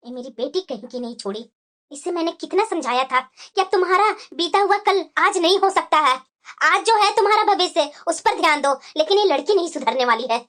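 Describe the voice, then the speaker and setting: A woman's voice: extremely high pitch, fairly quick, fairly bright tone. A woman voicing a stern, bitter older mother-in-law in a cartoon, scolding and sarcastic.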